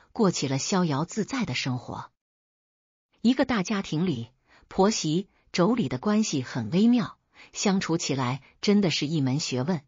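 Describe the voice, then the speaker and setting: A woman storyteller reading a folk tale as steady, expressive scripted narration on a dull, dry recording. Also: fairly low pitch, slightly rough, dry recording.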